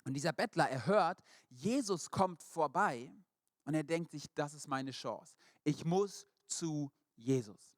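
A male preacher with a fairly high voice tells stories in a lively, animated way during a sermon, slipping into the voices of the people he describes. The recording is dry and close, with no room sound. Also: takes it slowly, no room sound.

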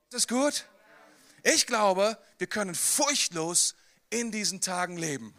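A man preaching a sermon in a conversational, animated way, often speaking straight to the listener with questions. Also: high-pitched, measured pace.

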